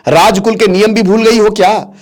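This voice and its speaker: Brief: a man doing a scheming old maidservant, scolding and insistent, high and pushy. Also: fairly even intonation, normal speed, close to an everyday voice. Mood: scolding, urgent. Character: scheming old female maid stirring trouble.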